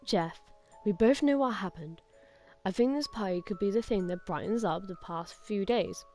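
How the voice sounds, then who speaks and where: A woman voicing a worried mother of a teenage boy in a read-aloud story, urging and louder than her narration. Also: mid-range voice, normal speed, faint music behind, natural voice. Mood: firm.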